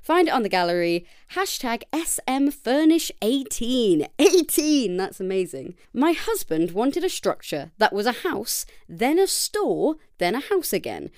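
A woman's voice: fairly high pitch, very animated, unhurried, hardly any pauses, no room sound, studio quality. A woman hosting a casual solo podcast late at night, chatty and self-deprecating, sounding a little tired. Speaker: podcast host. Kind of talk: casual solo podcast reading listener challenges.

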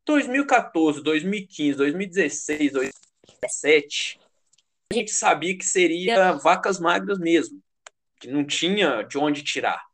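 High-voiced Brazilian man ranting casually about sports. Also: expressive, unhurried, a bit bright. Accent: Brazilian Portuguese. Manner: slangy, swearing, emphatic, repeats phrases for emphasis. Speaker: American football fan commentator. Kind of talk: casual, heated sports chat.

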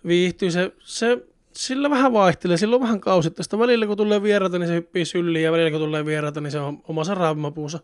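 A man's voice: high-pitched, fairly even intonation, hardly any pauses, clear, resonant tone. A man in casual conversation, talking in a rambling, chatty way with many fillers. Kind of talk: casual chat.

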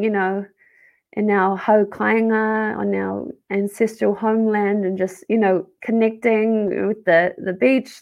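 A woman in her thirties with a New Zealand accent talks as an interview guest in a chatty, upbeat way. Her voice sits in a middle register with a gravelly fry running through it. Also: medium pitch, a little mellow. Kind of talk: casual interview chat.

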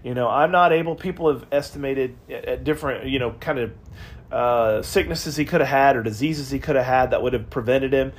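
A man hosting a podcast Bible study, teaching in a relaxed conversational way and retelling scripture in everyday words. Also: mid-range voice, fairly quick, slightly rough.

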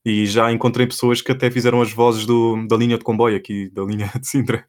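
A young Portuguese man co-hosting a podcast in loose casual chat. His European Portuguese accent is plain, his pitch sits in the middle, and he rambles with frequent fillers. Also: a little fast. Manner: relaxed, rambling, many fillers like pá and epá. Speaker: podcast co-host.

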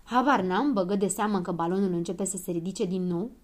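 A woman narrating a children's story in a lively, expressive reading. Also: medium pitch.

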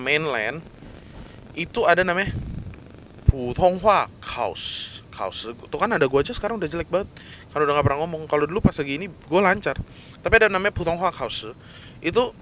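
A man's voice: fairly high pitch, a bit bright, lo-fi sound, a little hiss or hum. Casual Jakarta-slang man ranting. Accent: Jakarta Indonesian. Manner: Jakarta slang, mixes English words, frequent fillers. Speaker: vlogger.

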